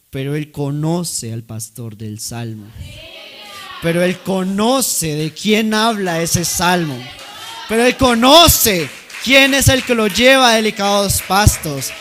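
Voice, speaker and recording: A man with a Colombian accent voicing a proud, eloquent male stage actor in a sermon story, declaiming and rising to shouts. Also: high voice.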